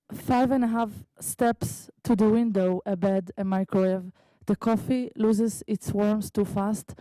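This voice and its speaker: A woman's voice: a little high, dark tone, no room sound, poor audio. Israeli woman reading a prose poem. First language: Hebrew. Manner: slow, halting reading with asides. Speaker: visiting writer reading her piece. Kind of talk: reading a personal prose poem at an open mic. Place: library meeting room.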